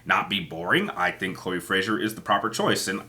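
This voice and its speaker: A man's voice: sits low, lively intonation, moderate pace, bright, forceful tone. A man hosting a casual solo chat as he plays kiss-marry-kill, rambling and hesitant and often repeating his words. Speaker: host.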